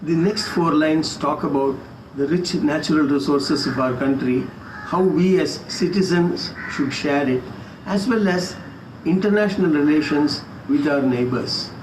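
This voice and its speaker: A man's voice: a little high, measured pace. A man with an Indian accent giving an explanatory talk, going through verse step by step in a didactic way. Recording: noisy, echoey room, distant mic.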